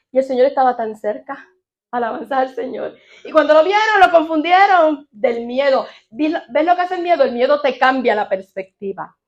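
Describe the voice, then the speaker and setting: A woman with a high voice preaches a sermon. She is animated and keeps putting questions to her congregation. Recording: audio of a sermon.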